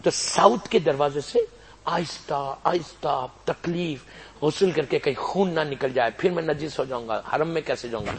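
A man delivers a sermon built around a religious story, shifting between quiet, hushed narration and loud, raised exhortation. His voice is on the high side, and there's slight background noise.

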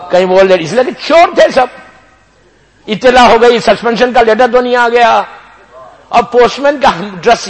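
A male preacher telling a sacred story to a gathering, theatrical, moving between hushed and shouted passages and slipping in English phrases. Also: sits high. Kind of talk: dramatic religious sermon storytelling. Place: religious gathering before an audience.

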